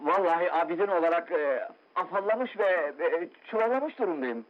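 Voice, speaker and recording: An actor playing a timid, bewildered gentleman in an old dubbed film comedy, speaking hesitantly. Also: on the high side, animated, normal speed, natural voice. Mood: flustered. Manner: hesitant, flustered. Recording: dull old film soundtrack, faint noise.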